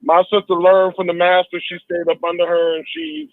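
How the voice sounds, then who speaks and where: A man's voice: high voice, lively intonation, fairly quick, vocal fry, dry recording. A middle-aged man from Detroit with a strong voice, chatting jovially as a caller to a radio show. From Detroit, United States. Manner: jovial, laughs often. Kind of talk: casual radio call-in chat. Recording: dull, band-limited call.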